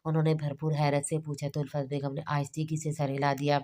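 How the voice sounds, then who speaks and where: A woman narrates a novel at a measured pace. Her voice is low and dark, with a flat, steady line and little melody. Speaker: audiobook narrator. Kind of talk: novel reading.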